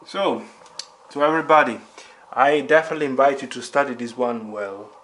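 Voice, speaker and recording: Man, piano teacher, patient, middle-pitched voice, step-by-step explaining. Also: fairly bright tone. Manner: patient, explains slowly and repeats key points; names notes and fingerings aloud.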